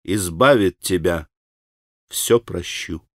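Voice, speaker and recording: A man's voice: sits low, slow pace, no echo, studio quality, voice pushed down. A man voicing Grushenka, a venomous proud woman. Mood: bitter.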